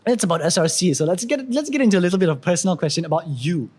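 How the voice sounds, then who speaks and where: Husky young man hosting a podcast. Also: sits high, very fast. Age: young adult. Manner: relaxed, talkative, many fillers. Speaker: podcast host. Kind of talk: casual podcast chat.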